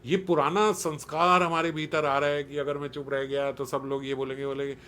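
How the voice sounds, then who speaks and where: A man's voice: fairly high pitch, little pitch movement, brisk, fairly bright tone, slight background noise. A man giving a conversational spiritual talk to a small group, earnest and persuasive, often putting questions to his listeners. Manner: questioning, quizzes listeners, acts out quotes in everyday voices. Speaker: spiritual teacher.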